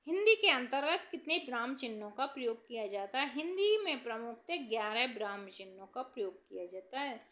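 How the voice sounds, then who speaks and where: A young woman teacher reading out exam questions and answering each one, slowing down to list examples. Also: on the high side, very animated, a bit bright. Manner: reads each question, then answers it slowly, listing examples.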